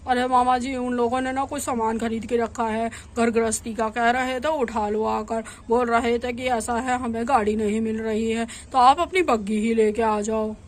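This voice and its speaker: An earnest middle-aged village father, voiced by a woman, explaining family matters in a fairly high voice. The tone is a plain doll storybook telling. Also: fairly even intonation, moderate pace, hardly any pauses, slight background noise, natural voice.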